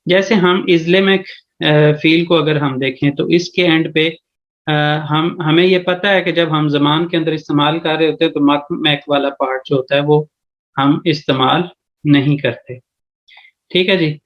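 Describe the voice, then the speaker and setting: A man with a Pakistani Urdu accent teaches a language lesson over a video call, his slightly high voice measured and fairly even on dull audio. He explains things step by step, checks in with listeners often, and keeps repeating "theek hai ji."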